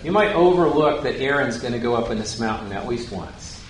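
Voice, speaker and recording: A man's voice: mid-range voice, animated, fairly quick, slight background noise. Man teaching scripture in an echoey hall. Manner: questions the audience, paraphrases scripture casually. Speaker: Bible teacher. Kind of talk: conversational Bible teaching. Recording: very echoey room, faint ambience.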